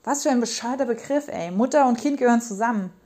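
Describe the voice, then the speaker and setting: A woman's voice: fairly high pitch, fast talker, darkish tone. A woman in her thirties hosting a casual monologue podcast as a parenting coach, talking passionately and rambling with emphatic repetitions. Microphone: podcast microphone.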